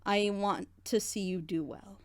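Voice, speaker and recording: Leading the discussion in a casual group reaction chat, a woman talks earnestly and passionately in long, rambling stretches. Her voice is mid-range and steady, with a measured pace.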